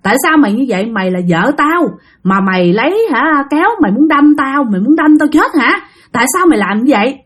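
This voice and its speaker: A woman playing a furious husband, shouting and scolding fast. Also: fairly high pitch, lively intonation, husky.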